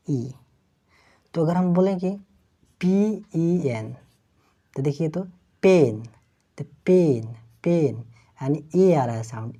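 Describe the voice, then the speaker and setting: A woman with a low, mellow voice teaches an English lesson. She explains letter sounds, asks her students questions, and repeats each answer they give.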